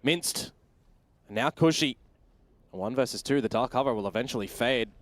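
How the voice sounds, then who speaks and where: A man's voice: mid-range voice, lively intonation, moderate pace, no echo. A man commentating live as an esports caster, analysing the play as it unfolds. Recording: clear background game noise, clicks.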